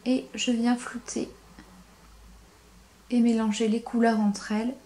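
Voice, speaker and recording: A young woman with a slightly high voice walks viewers through her eye makeup step by step. She gets enthusiastic, repeats words for emphasis, and fills pauses with hesitations as she works. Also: little pitch movement, warm tone. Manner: frequent hesitations with "euh". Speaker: beauty vlogger. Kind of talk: makeup tutorial.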